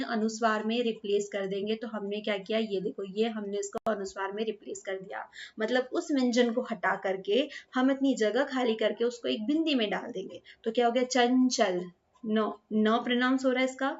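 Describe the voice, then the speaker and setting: A woman teaching Hindi grammar, mixing in English words and checking often whether it is clear. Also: on the high side, muffled recording. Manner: checks understanding with repeated "clear?" and "ठीक है". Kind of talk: classroom explanation.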